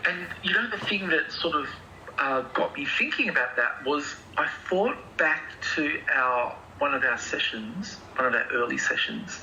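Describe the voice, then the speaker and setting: A man playing an anxious, softly spoken therapy patient who talks hesitantly and meanders. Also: on the high side, animated, normal speed, a little hiss or hum, poor audio. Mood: earnest. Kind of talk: improvised comedy dialogue.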